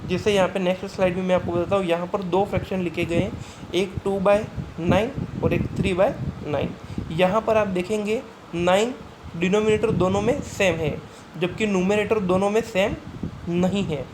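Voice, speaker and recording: A man teaching a school math lesson, explaining step by step, asking questions and answering them himself, and reading English definitions slowly. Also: high voice, fairly even intonation. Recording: noisy recording.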